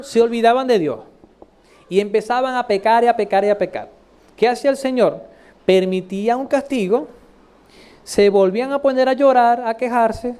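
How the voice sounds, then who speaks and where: A man preaching a sermon, asking his listeners rhetorical questions and repeating phrases for emphasis. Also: clear, resonant tone. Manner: lively pitch swings, repeating phrases for emphasis.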